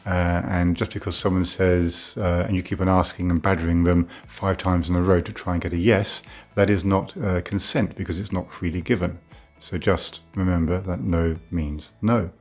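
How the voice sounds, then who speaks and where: A man's voice: low-pitched, flat delivery, moderate pace, a little mellow, faint music behind. A male doctor giving a frank educational talk to camera, plain-spoken and full of "uh" fillers.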